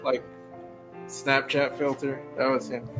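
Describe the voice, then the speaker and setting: A woman chatting on a voice call through a voice changer that shifts her voice deep, in a teasing, joking manner. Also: flat delivery, slow pace, music in the background. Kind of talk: casual group voice chat.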